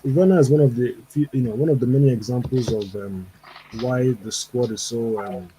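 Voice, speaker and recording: A man's voice: mid-range voice, normal speed, dark tone. A man calling in to a casual football chat through a fuzzy, distorted mic, talking hesitantly with many fillers. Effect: fuzzy distorted mic sound. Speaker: call-in guest.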